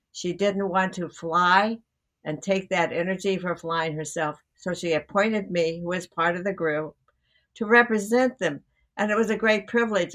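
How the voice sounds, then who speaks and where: A woman's voice: on the low side, a bit bright. An older woman co-hosting a conversational show, talking in a rambling way and correcting herself as she goes. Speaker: co-host. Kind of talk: casual conversation.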